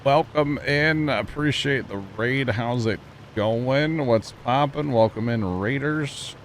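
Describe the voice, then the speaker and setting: Playing a farming game on stream, a man speaks slowly at a medium pitch through his headset, greeting viewers in chat in an easygoing, talkative way. Background noise is audible.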